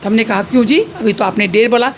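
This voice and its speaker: A woman's voice: fairly high pitch, fast, slight background noise. A woman in her fifties retelling how she was scammed, acting out the dialogue with feeling. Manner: animated, acts out quoted dialogue. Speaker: fraud victim. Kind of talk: emotional retelling.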